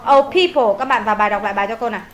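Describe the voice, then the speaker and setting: A woman's voice: medium pitch, fairly even intonation, very fast, a bit bright, highs cut off, slight background noise. A Vietnamese woman teaching an English lesson in a classroom, reading lines aloud, translating them and drilling vocabulary with repetition.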